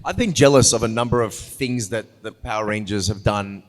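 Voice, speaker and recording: A man's voice: on the low side, normal speed. A man hosting a convention panel off the cuff, jokey and rambling, recorded in an echoey hall. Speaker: panel host and fellow actor. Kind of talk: unscripted convention panel moderating. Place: large indoor convention panel room. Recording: echoey hall, faint noise.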